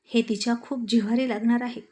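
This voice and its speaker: Furious hot-tempered young husband, as a woman narrator puts him on, scolding, fairly high voice, mellow tone, storybook drama. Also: steady tone, measured pace, close to an everyday voice. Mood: angry. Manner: shouting, scolding.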